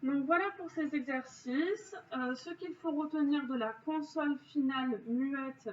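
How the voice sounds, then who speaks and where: Slow, careful woman teacher, echoey room. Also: high-pitched, a little mellow. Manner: slow, careful, patient explanations with frequent "donc" and "euh". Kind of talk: correcting spelling exercises for pupils. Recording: dull, roomy, distant, faint hiss.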